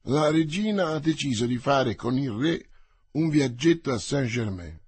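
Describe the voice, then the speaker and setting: A man's voice: medium pitch, lively intonation, measured pace, darkish tone, slightly rough, dry recording. A man voicing a scheming, anxious older cardinal minister in an audiobook, speaking in a wheedling, insistent way. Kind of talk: audiobook character voice.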